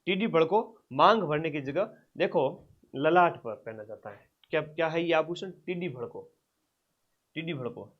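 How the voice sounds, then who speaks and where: A man with a fairly high voice teaches an exam-prep class and repeats key terms slowly so students can write them down. He drifts nearer to and farther from the mic, so his loudness rises and falls. The recording sounds dull and low-fidelity. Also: animated. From Rajasthan. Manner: loudness and distance from mic vary a lot.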